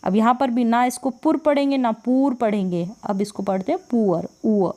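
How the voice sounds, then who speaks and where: Female teacher, higher mellow voice, patient drilling of spelling sounds. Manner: patient, repeats words slowly and drills them. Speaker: English teacher. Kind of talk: spelling and pronunciation lesson.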